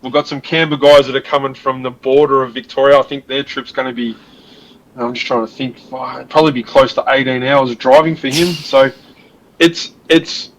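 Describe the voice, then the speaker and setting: A man's voice: mid-range voice, steady tone, a little fast, poor audio. An Australian man from Melbourne chatting as a podcast guest in an easygoing, friendly way. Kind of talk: casual interview chat.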